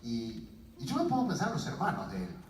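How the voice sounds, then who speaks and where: A guest preacher tells humorous stories in a church sermon, animated and quick-paced, with a medium-pitched, creaky voice. He's recorded from a distance in an echoey hall, with slight background noise.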